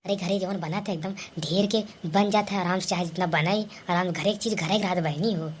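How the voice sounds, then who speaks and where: A woman's voice: on the low side, fairly quick. A woman with an Awadhi accent voicing a bossy elder sister-in-law who scolds and complains in a cartoon comedy, with faint noise behind. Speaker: comedy voice artist. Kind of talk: scripted cartoon comedy dialogue.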